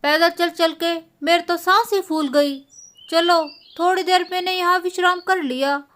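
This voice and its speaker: A woman's voice: extremely high pitch, fairly even intonation, unhurried, fairly bright tone. A woman voicing a pompous middle-aged male village moneylender who groans and pants about his troubles. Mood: weary. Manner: groaning, panting complaints.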